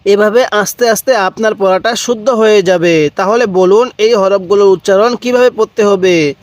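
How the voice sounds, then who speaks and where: A man's voice: sits high, no echo. A man teaching Quran reading, spelling out letters one by one and coaxing the listener to repeat aloud, with a Bangladeshi Bengali accent. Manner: spells out letters slowly, then blends them; coaxes viewers to repeat aloud. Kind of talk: step-by-step spelling lesson.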